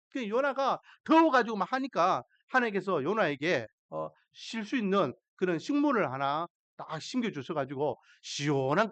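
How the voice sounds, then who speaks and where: A man's voice: sits high, fairly bright tone, dry recording. A man pastor preaching a sermon expressively, full of rhetorical questions to the congregation.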